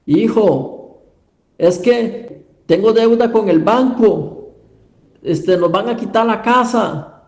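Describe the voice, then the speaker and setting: A man's voice: sits high, takes it slowly, long pauses, a little mellow, echoey room. A man voicing a grieving, forgetful elderly mother who talks in a sorrowful, pleading way.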